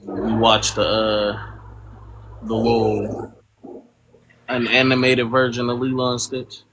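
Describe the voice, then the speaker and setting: A man's voice: medium pitch, completely flat delivery, slow, background noise. Male podcast co-host, easygoing rambler who keeps checking in with his partner. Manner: rambling slangy talk, frequent fillers and tag questions. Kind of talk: casual podcast chat.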